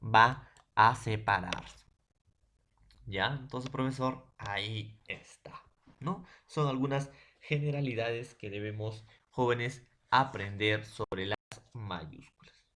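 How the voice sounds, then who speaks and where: A man's voice: fairly low pitch, slow, bright, forceful tone, a little hiss or hum. A man with a Peruvian accent teaching a secondary school language lesson, speaking in a repetitive way with frequent tag questions. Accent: Peruvian Spanish. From Peru. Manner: repetitive, keeps adding tag questions and "profesor". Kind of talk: remote class lecture.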